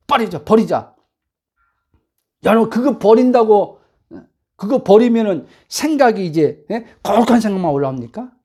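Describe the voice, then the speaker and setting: A woman pastor preaches with a fairly high voice whose pitch swings widely from phrase to phrase. She keeps throwing rhetorical questions at her listeners and calling out to them. Now and then she pushes her voice up to a near-shout to drive a point home. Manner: bursts into near-shouts for emphasis. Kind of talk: sermon.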